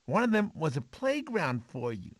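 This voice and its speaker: Sid, a goofy, wildly animated sloth. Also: male voice, on the high side, moderate pace, slight background noise. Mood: chatty storytelling. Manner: excitable, theatrical, exclamatory. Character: goofy, jittery male sloth, kindly bumbling uncle. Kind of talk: animated film tie-in game character dialogue.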